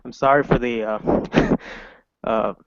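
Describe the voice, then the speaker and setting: A man's voice: medium pitch, fairly even intonation, slow, no room sound. A young man from the Emirates, an art student, chatting casually and jokingly, dropping the odd swear word. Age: young adult. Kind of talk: casual chat on a call. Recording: dull lo-fi call audio with faint hiss.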